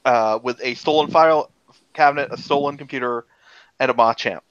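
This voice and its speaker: Game master, man, loose unhurried narration, dull home-mic sound. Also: medium pitch, a bit bright, dry recording.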